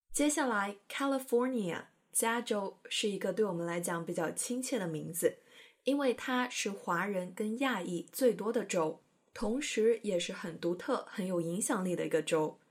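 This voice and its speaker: A woman's voice: mid-range voice, normal speed, husky. A woman hosting an English-learning program, explaining in a chatty, playful way with careful pronunciation demos. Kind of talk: educational podcast narration.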